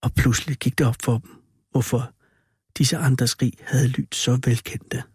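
A man's voice: mid-range voice, steady tone, darkish tone, husky, dry recording, studio quality. A man voicing a male ape who tells a spooky story with dramatic, theatrical reading.

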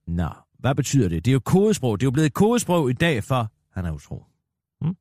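A man playing a gossipy middle-aged woman in a radio comedy sketch, spilling a scandal in breathless bursts and sudden hushed asides. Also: mid-range voice, huge pitch swings, no echo, clean studio sound. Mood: gossiping. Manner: breathless gossiping, dropping to a hush.

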